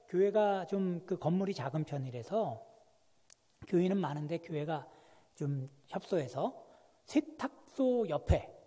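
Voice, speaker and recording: A man preaching a sermon as a guest pastor, telling a story with animated swings between hushed and loud delivery. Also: fairly high pitch, husky. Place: church sanctuary. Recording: long church reverb.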